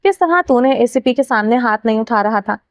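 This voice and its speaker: An amazed, chatty young man talking to a friend , read by a woman with a fairly high voice. The sound is dry. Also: expressive, dry recording, lightly acted.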